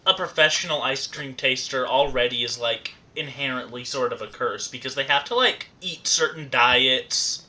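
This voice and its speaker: A man co-hosting a podcast, joking in casual group chat and bursting into shouts. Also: mid-range voice, moderate pace, few pauses. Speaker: podcast co-host.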